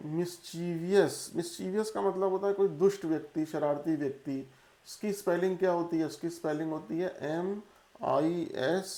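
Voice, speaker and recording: A man's voice: a little high, dark tone, reverberant. A man teaching an exam-prep English lesson in Hindi, spelling out words letter by letter. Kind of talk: classroom-style lesson.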